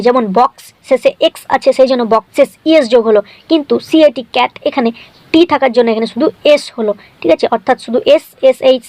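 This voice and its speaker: A woman teaching English spelling in a scripted video lesson, explaining briskly and often checking in with the viewer. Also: fairly high pitch, a little mellow, no room sound.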